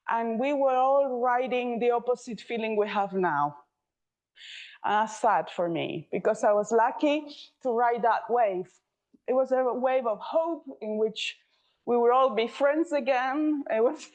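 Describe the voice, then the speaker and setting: A woman's voice: mid-range voice, a little mellow. A woman in her fifties with a Spanish accent gives a keynote talk about her own path. She speaks in a mid-range voice, circling back and restarting her phrases as she tells her story. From Spain, Canary Islands. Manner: personal storytelling with frequent restarts and fillers.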